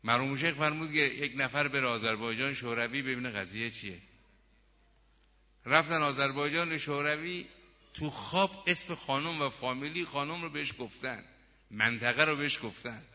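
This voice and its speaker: A man's voice: mid-range voice, pushed and bright. A male preacher giving a sermon through dramatic storytelling, with emphatic appeals to his listeners, recorded muffled in a reverberant hall. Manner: emphatic, rising appeals to the audience.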